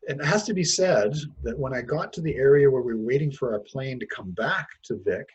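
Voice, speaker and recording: A man's voice: medium pitch, animated, fairly quick, breathy edge, dull audio. A Canadian man giving an interview, talking candidly with many halts and restarts. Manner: hesitant, restarts often, self-deprecating. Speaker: interview guest.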